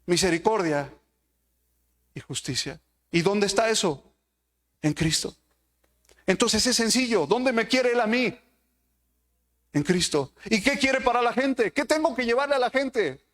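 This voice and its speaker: Male preacher, high voice, sermon delivery built on rhetorical questions to the congregation. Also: measured pace, pauses often, a bit bright. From Mexico.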